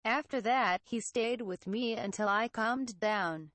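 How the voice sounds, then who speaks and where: A woman reading a translated horror story as narrator in an even, measured way. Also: on the high side, no echo.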